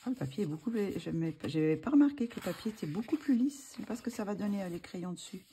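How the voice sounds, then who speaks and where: A woman's voice: medium pitch, animated, quick pace, warm tone, slight background noise. A woman talking casually as a vlogger, hesitant and full of fillers as she thinks aloud. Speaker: vlogger showing coloring books. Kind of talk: casual chat.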